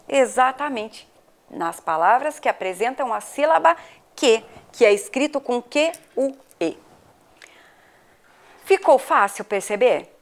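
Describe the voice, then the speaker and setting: A woman from Brazil, a primary school teacher, giving a patient video lesson to children and asking them questions. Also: on the high side. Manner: patient, questioning the pupils, spells out letters.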